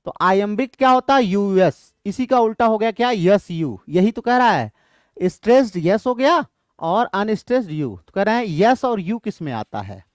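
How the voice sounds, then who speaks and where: A man's voice: high-pitched, expressive, normal speed, no echo, studio quality. A man with an Indian English accent teaching an exam-prep lesson. He repeats his points often and asks questions that he answers himself.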